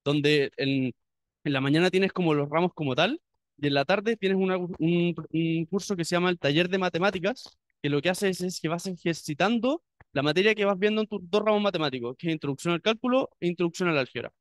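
This young Chilean man is a university student talking to prospective students in a quick, chatty way, full of stumbles and restarts. His voice comes across smooth and clear, a touch higher than typical for men, recorded dry and close with no room sound.

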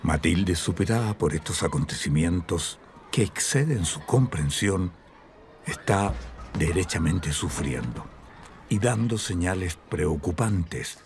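A man narrating a television drama in a grave, measured tone, with a Chilean accent. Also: low voice, animated, a little mellow. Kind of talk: scripted documentary-drama narration.

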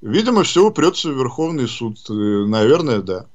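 A man hosting a call-in radio show, explaining things in a measured way with some hesitations. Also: medium pitch, big pitch swings, dull audio. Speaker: radio host. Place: radio studio.

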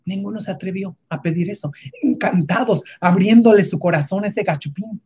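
Husky woman asking rhetorical questions. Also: medium pitch, fairly quick, mellow. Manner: keeps adding rhetorical tag questions; emphatic, with many restarts and hesitations. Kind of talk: casual opinion monologue.

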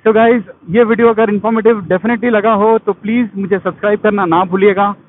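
A man with a high voice talks in easy, clipped phrases while out riding. His voice comes through thin and phone-like, picked up by a phone mounted on his helmet. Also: brisk. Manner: relaxed, brief remarks, signs off to viewers. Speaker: motovlogger. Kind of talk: casual vlog narration while riding.

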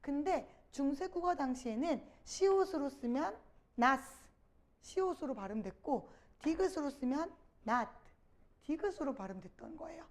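A woman teacher giving a grammar lecture, talking straight to her students and asking and answering her own questions. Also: high-pitched.

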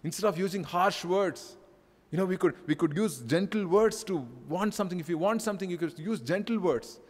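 A male pastor with an Indian English accent delivers an earnest sermon, circling back on his phrases and filling gaps with "you know". His voice sits a little high for a man. Long reverb from the church hall trails behind his words. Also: brisk, darkish tone.

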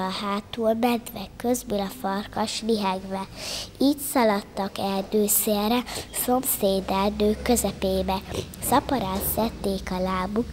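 A woman reciting a rhymed children's poem in a rhythmic, measured way. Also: medium pitch, darkish tone, a little hiss or hum.

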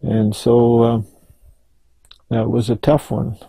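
Older male interviewee, gravelly and husky, halting storyteller, dry close sound. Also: mid-range voice, monotone, dark tone, dry recording, rough recording. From Canada. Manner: halting, rambling storytelling with many restarts. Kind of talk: oral history interview.

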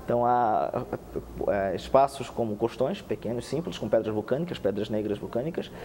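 On a TV studio set, a young man appears as a guest researcher, wearing a lapel mic for the interview. He talks quickly and animatedly with lots of restarts and hand gestures. His voice is mid-range, trailed by long reverb and slight background noise.

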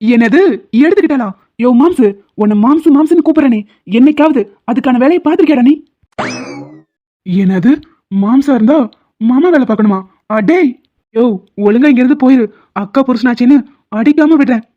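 A woman voicing a playful, teasing young man in an animated series, bantering and quick to anger. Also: high voice. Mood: irritated. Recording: phone-like lo-fi sound, faint music.

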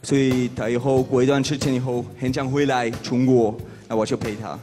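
A young man from Switzerland speaking halting Mandarin with a foreign accent, as a contestant on a studio stage. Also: mid-range voice, level tone, big-room sound, over music. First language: not Chinese. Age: young adult. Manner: halting, searching for words. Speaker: dating show contestant. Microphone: handheld.

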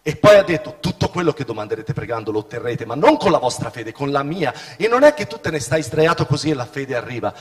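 Middle-aged male preacher, fiery sermon delivery with big swings in volume, lively pitch, recorded in a reverberant hall. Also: fast talker, few pauses. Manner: impassioned, swings from shouting to hushed.

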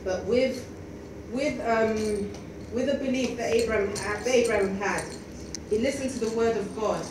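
A woman's voice: on the high side, moderate pace. A young adult woman preaching a sermon at a lectern in a small church, in a conversational way with many fillers and restarts. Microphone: stand mic at a lectern, filmed by a far camera. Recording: echoey hall from far off, noisy.

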